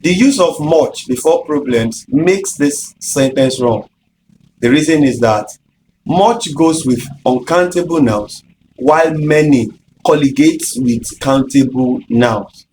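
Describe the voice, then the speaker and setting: A man teaching English grammar in a measured, explanatory way, speaking directly to viewers. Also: fairly high pitch, darkish tone, slight background noise, poor audio. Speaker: English tutor. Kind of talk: scripted grammar lesson.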